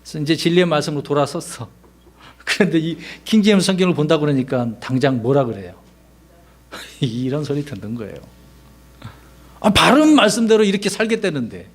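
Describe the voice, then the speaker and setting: A man's voice: on the high side, a little fast. A man, a pastor, preaching a sermon in a conversational way, asking his congregation rhetorical questions and acting out the lines he quotes.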